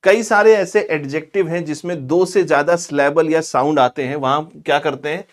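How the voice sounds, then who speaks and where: A man teaching English grammar in a chatty, scolding classroom lecture. He drags out example words slowly. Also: on the high side. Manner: chatty and scolding, calls students "bhai" and "pagle".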